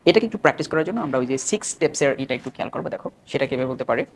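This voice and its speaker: A man with a Bangladeshi accent teaching an online English pronunciation lesson. He repeats model words slowly and loudly so learners can copy them. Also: medium pitch, lively intonation, slight background noise.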